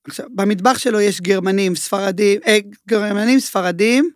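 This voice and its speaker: A man talking as a chef guest in a casual interview. He tells his stories in an animated way and uses a lot of filler words. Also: sits high, dry recording, clean studio sound. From Israel.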